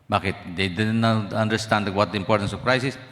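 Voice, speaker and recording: A middle-aged man preaching a sermon as pastor, mixing Tagalog with English and swinging between loud emphasis and hushed asides. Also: fairly low pitch, normal speed. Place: church sanctuary. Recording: long hall reverb.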